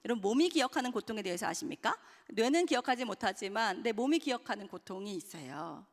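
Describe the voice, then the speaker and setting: A woman's voice: on the high side, animated, fast. A woman, an author, telling a story to an audience in an earnest way and speaking to them directly. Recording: hall with long reverb.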